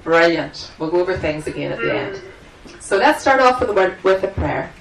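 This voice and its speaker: A woman's voice: fairly low pitch, big pitch swings, moderate pace, creaky. This is a woman giving a live interpreter voice, turning a signer's words into speech in real time. She speaks in the first person with small fillers and restarts. The recording is distant, with a faint hum of the room behind her. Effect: live interpreter voice, speaking aloud for a signer. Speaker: sign language interpreter. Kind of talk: live voicing of a signed church seminar. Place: large meeting room with an audience. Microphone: microphone at the front of the room.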